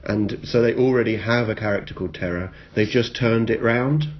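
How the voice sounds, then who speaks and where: A man's voice: fairly low pitch, a little fast. Sarcastic man on a lo-fi phone recording. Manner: sweary, sarcastic, jokey. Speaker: podcast co-host. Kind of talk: casual banter. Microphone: iPhone.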